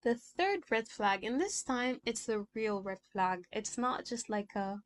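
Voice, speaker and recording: This young adult podcaster speaks on the high side with lively intonation and a measured pace, amid slight background noise. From Sudan and natively Arabic-speaking, with an accent mixing American and British, she chats alone into a small desk mic, roaming from thought to thought.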